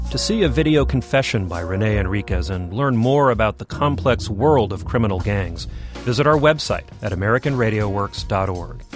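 Radio documentary host over faint music. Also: male voice, medium pitch. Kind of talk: scripted radio documentary narration.

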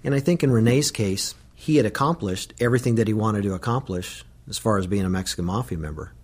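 A man who works as a special agent, explaining things in a deliberate, thoughtful way during an interview. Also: on the low side. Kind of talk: interview commentary.

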